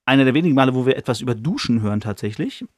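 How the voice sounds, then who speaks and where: Male podcast host, casual slangy storyteller, mid-pitched voice, dry close sound. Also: expressive, rapid-fire, a little mellow, no echo. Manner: loose and slangy, many fillers. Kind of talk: casual chapter retelling.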